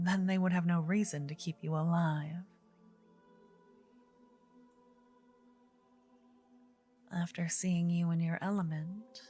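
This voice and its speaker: A woman playing a gentle, earnest druid in an ASMR role-play, her soft female voice slipping between breathy soft voice and low murmur. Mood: curious, marveling. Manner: slow, gentle, intimate female voice with pauses. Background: soft medieval ambience and music.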